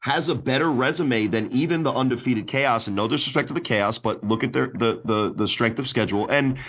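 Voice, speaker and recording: A man's voice: mid-range voice, brisk, a bit bright. A man co-hosting a casual sports podcast, arguing bluntly and swearing, often restarting with repeated words. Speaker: podcast co-host.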